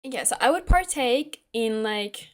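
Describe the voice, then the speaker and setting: A woman's voice: fairly high pitch, animated, unhurried. A young woman from Finland, talking casually to camera as a vlogger, hesitant and full of fillers as she searches for words. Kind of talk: casual personal monologue.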